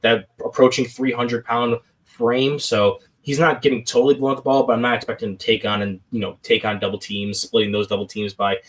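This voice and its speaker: Conversational man in mid-pitch podcast talk. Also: level tone, a little fast. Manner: conversational, long run-on explanations with fillers. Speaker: podcast co-host.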